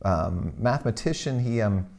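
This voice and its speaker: A man's voice: on the low side, lively intonation, moderate pace, vocal fry, a little mellow. A man co-hosting a casual chat, wry and rambling as he tells stories. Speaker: podcast co-host.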